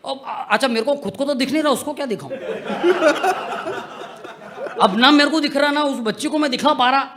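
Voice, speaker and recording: A man's voice: extremely high pitch, brisk, crowd noise. A young adult man performing comic poetry on stage into a microphone, teasing the audience in a playful joking manner. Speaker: comedic poet. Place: outdoor stage tent at a poetry gathering.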